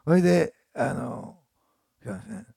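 A man's voice: high-pitched, expressive, normal speed, vocal fry, dark tone, no room sound, clean studio sound. A man in his sixties, a pastor telling a story in a sermon, chatty, often adding tag words. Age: 60s. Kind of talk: sermon testimony.

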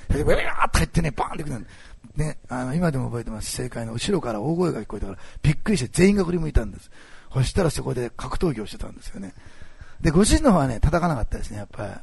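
A man preaching a sermon as pastor, telling a story with animated swings between loud bursts and hushed asides. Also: mid-range voice, rapid-fire, no room sound. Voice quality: gravelly, husky.

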